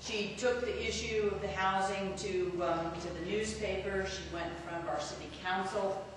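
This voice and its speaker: A woman's voice: medium pitch, normal speed. A woman in her fifties giving an earnest, rambling public speech with many fillers and restarts, introducing a guest. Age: 50s. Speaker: community speaker introducing a guest. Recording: echoey hall, far from the mic, noisy.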